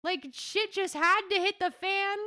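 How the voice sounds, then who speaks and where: A woman's voice: very high voice, unhurried, sharp tone, no echo, clean studio sound. A woman streamer chatting on a live stream, gushing and giggling often as she talks to her chat. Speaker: VTuber streamer.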